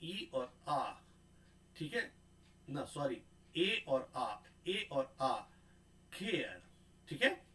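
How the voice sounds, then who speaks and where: A man giving a pronunciation lecture, repeating sounds and words slowly and often checking in with a tag question. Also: mid-range voice, big pitch swings, sharp tone, poor audio.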